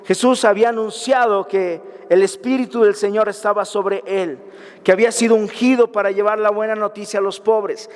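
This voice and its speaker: A man's voice: high-pitched, fairly even intonation, normal speed. A man preaching a sermon as pastor, emphatic and firing repeated questions at his congregation. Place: church hall. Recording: reverberant church hall.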